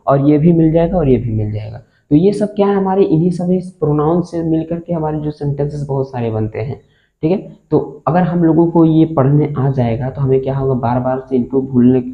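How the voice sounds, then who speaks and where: A man teaching a spoken class lesson, spelling words out slowly and asking listeners to repeat after him. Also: mid-range voice. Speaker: English teacher. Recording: echoey room on a tinny, phone-like line.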